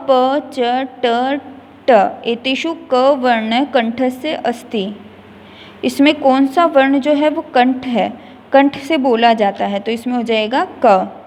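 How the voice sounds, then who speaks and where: A high-pitched woman teacher walks through a grammar exercise at an unhurried pace. She reads each item aloud, then explains it in plain words. Her voice carries a long, echoing reverb. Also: darkish tone. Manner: reads out Sanskrit lines, then explains them in Hindi with many "a" fillers; recites letters one by one in a slow, measured way. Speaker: school teacher. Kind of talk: slow classroom explanation.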